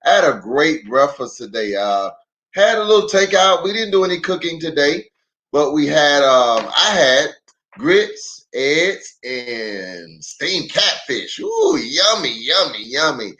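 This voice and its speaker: Reading a children's storybook slowly, a middle-aged pastor speaks in a fairly high voice. He turns to the young audience with playful, chatty remarks, his delivery expressive throughout.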